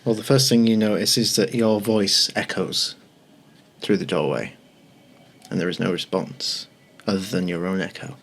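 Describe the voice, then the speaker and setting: A man narrating a tabletop game as game master in a measured, descriptive way. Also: low voice, steady tone, fairly bright tone, slight background noise.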